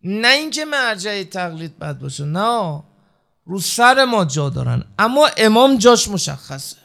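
A man delivers a sermon in a high, gravelly voice. His speech swells and drops with emphatic preaching cadence, and he addresses his listeners as dear ones. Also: sing-song, a bit bright. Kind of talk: sermon from the pulpit.

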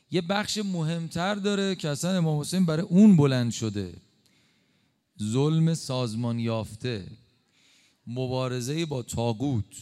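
A male preacher giving an impassioned sermon, slowing for emphatic stresses and dropping suddenly quiet. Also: mid-range voice. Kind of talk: religious sermon.

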